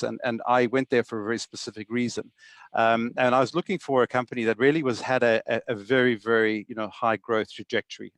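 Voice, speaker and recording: A middle-aged man with a South African accent, a sales executive appearing as a guest on a podcast interview, speaks fluently in a medium-pitched voice. He often repeats words as he starts a thought, and the recording is dry.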